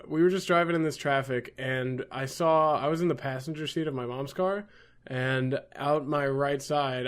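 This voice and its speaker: A man's voice: medium pitch, smooth. A young man from the New York area, talking with a mid-range voice. He tells rambling stories in casual podcast chat and swears freely. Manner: swearing, storytelling, laughs often. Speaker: podcast co-host.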